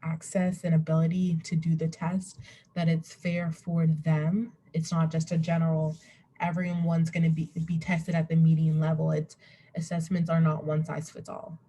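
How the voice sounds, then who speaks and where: A young woman student gives an informal slide presentation recorded on a home computer, rambling and interrupting herself. Her low, mellow voice is completely flat at a moderate pace, and the webcam recording carries faint background noise.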